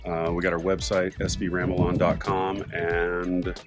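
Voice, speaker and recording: Very deep-voiced man explaining outdoors. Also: a little slow, over music. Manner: relaxed, rambling, with frequent fillers. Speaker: sailboat owner and vlogger. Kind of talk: casual how-to explanation. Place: outdoors in a sailboat cockpit at a marina. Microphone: camera on a mount a few feet away. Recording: outdoor recording with background noise.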